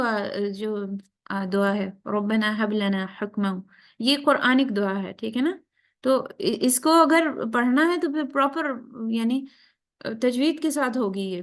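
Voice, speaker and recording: A woman teaching a tajweed class, slipping English phrases into her talk and often checking that students follow. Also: mid-range voice. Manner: keeps checking in with students after each point; mixes English phrases into Urdu. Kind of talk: class lecture.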